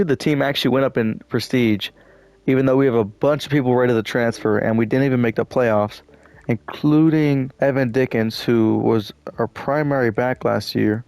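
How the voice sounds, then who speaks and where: A young gaming YouTuber commentates on his own football game in an ordinary mid-range voice, cursing freely. Frustrated, he shifts from flat play-by-play to loud, high-pitched shouting whenever a play goes wrong. There's no room sound.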